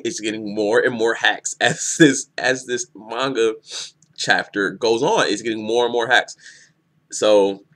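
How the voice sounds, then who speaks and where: A man giving a casual spoken review of a comic chapter, excitable and rambling, often restarting his sentences. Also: fairly low pitch. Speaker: manga reviewer.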